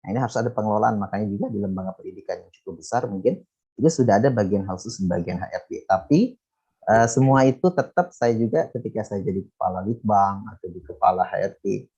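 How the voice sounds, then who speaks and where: In a relaxed interview, a middle-aged man who teaches, manages in education and writes books describes his work at a quick pace, scattering fillers throughout. His lowish voice is warm and slightly rough, and the audio sounds muffled.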